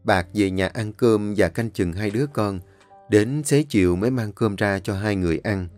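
A man narrating a story, reading in a steady, measured way. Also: lowish voice, faint music behind.

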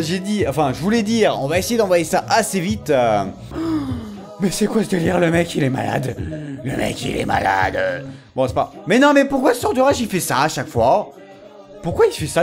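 A man with a high, very lively voice narrates his own mobile game matches live, rattling off excited commentary. He groans, swears and shouts at the game as he plays. Faint music runs underneath. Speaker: gamer streaming a mobile game tournament.

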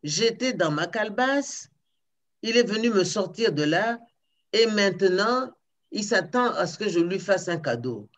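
A woman storyteller voicing a huge, thin, bad-tempered male giant who threatens and shouts. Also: medium pitch, expressive, measured pace, voice pushed up, lightly acted. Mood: scheming.

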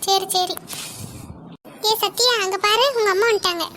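A woman's voice: extremely high pitch, steady tone, a little slow, background noise. A woman voicing a nosy, gossipy young girl friend in a cartoon.

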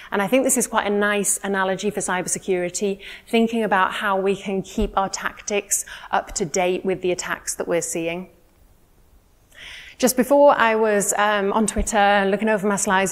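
Earnest woman giving a keynote. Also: mid-range voice. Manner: earnest, steady lecturing with frequent ums. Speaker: keynote speaker. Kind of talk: conference keynote talk. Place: conference room, indoors.

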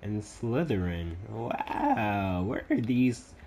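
Brief: male gaming YouTuber, loose let's-play talk, unhurried delivery, faint room noise behind. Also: on the low side. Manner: excitable, chatty, reads game text aloud haltingly. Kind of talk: casual let's-play commentary.

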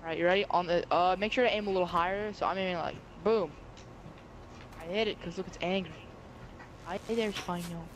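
A young man chatting casually while playing a video game with a friend, excitable and prone to yelping and repeating himself. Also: high voice, a little fast, long pauses. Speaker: game player. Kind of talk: casual gaming chat. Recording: noisy background.

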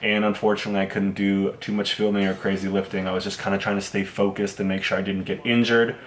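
A man's voice: fairly low pitch, flat delivery, fast talker. Laid-back young guy vlogging. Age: young adult. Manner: laid-back, chatty, loose fillers. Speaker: fitness vlogger. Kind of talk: casual vlog talk to camera. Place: large gym, indoors. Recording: echoey with background music.

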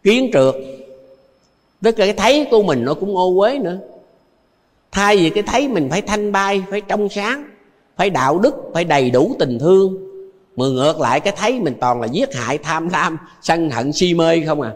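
Older man, Southern Vietnamese accent, Buddhist monk, storytelling sermon, frequent chuckles, repeats phrases, slightly high voice, long reverb. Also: lively intonation, normal speed. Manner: chuckles often while telling anecdotes. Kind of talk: dharma talk with storytelling.

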